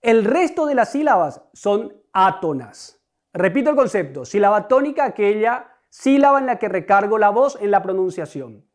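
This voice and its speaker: Una voz docente de altura media que dicta una clase de lengua grabada, pausada y explicativa. Se dirige a sus alumnos a cada rato para que se fijen en los ejemplos, y repite cada concepto importante con paciencia. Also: mid-range voice. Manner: deliberate, explanatory, repeats key concepts; addresses students directly. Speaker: teacher. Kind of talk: recorded online grammar lesson.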